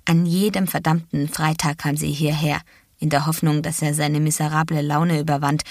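A woman reads a novel aloud in a steady, even storytelling manner. Her voice sits low, and the recording is close and dry with no room sound. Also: no echo. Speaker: narrator. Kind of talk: scripted narration of a novel.

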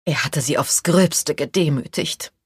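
A woman narrating an audiobook chapter in a calm, measured reading style. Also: low-pitched, breathy edge, no echo, clean studio sound. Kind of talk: scripted narration.

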